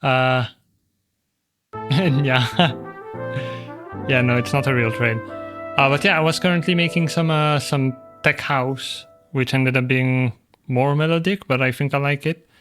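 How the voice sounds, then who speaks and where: A man's voice: mid-range voice, steady tone, a little slow, long pauses, a bit bright. A man chatting casually on a livestream as a music producer, with a playful, silly, cute streamer manner. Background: music playing.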